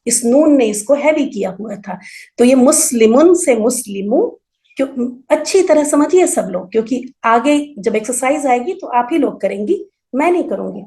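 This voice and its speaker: Female grammar teacher, high voice, patient and methodical, drills word forms aloud. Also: lively intonation, darkish tone. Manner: explains patiently, repeats word forms slowly for emphasis. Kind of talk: online class lecture.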